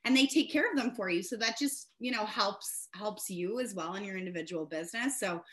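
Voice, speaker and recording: A woman's voice: medium pitch, a little fast. A young adult woman, a realtor telling stories with many fillers in a casual podcast conversation. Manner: chatty storyteller with frequent laughs and fillers.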